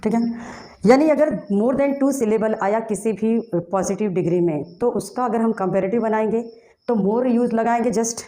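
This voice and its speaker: Teaching English grammar to a class, a woman speaks at a moderate pace in a warm, slightly high voice. She spells out words one letter at a time and answers questions she puts to herself.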